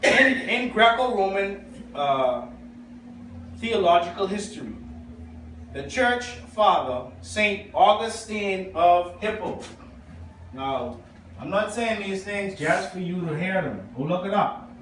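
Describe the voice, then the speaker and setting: A Bahamian pastor preaching, reading out quotations and checking in with his listeners. His voice sits high. He is heard from far off in a big, echoing church hall with a faint hiss underneath. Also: animated, slow, fairly bright tone. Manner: preaching, reading quotations aloud, asking the congregation. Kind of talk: sermon.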